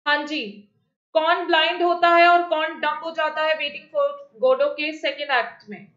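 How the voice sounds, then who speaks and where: A woman teacher running an exam-prep class, reading questions slowly in English and explaining quickly in Hindi, often repeating herself. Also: high-pitched, little pitch movement, a bit bright. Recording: echoey, dull lo-fi audio.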